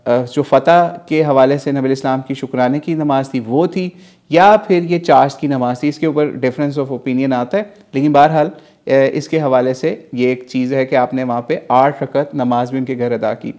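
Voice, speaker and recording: A man's voice: medium pitch, fairly even intonation, moderate pace, a little mellow. A man from Pakistan giving an Islamic history class, retelling events in a storytelling way, asking and answering his own questions and mixing in English words. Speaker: religious teacher.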